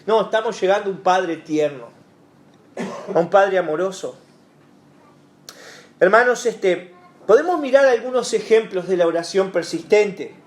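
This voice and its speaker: A man leads a Bible study in a church, speaking conversationally and leaning on fillers and rhetorical asides to his listeners. His voice sits high for a man, and the room around him rings with a clear echo. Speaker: pastor. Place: church hall.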